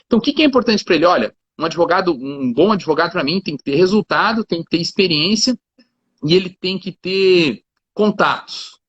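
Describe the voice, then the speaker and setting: A man with a husky, slightly high voice talks casually as a guest. He explains ideas through examples, leaning on fillers like "cara" and "né". The recording is dry and dull, with a lo-fi sound. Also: expressive, a little fast, fairly bright tone, dry recording. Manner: talkative, explains with examples, fillers like 'cara' and 'né'. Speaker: lawyer, guest. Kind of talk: casual conversation.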